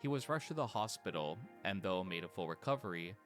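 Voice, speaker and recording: A man narrates a scripted documentary in a steady storytelling style, speaking briskly. His low voice rises and falls a lot, and soft music plays behind him.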